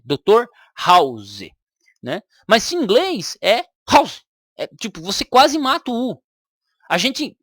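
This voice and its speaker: A woman's voice: mid-range voice, dry recording, studio quality. A woman with a Brazilian Portuguese accent, giving argumentative reaction commentary on a video and repeating her points for emphasis.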